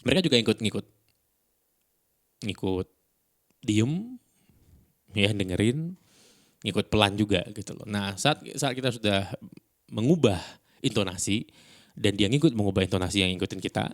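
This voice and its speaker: A middle-aged man with a lowish voice talks on a business podcast in a relaxed, chatty way. His speech is full of fillers and acted-out dialogue.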